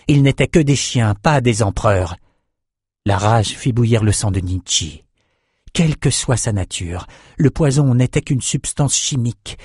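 A man with a lower voice reads a fantasy audiobook in a steady, measured way. The sound is dry and close, with no room around it. His delivery stays even throughout. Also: breathy edge, no room sound. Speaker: audiobook narrator. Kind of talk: scripted fantasy narration.

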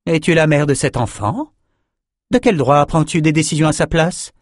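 A man's voice: on the high side, animated, normal speed, dry recording, studio quality, pitched above the performer's own voice. A man voicing an imperious, possessive woman who heads a circle of scholars, speaking with condescending sweetness. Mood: indignant.

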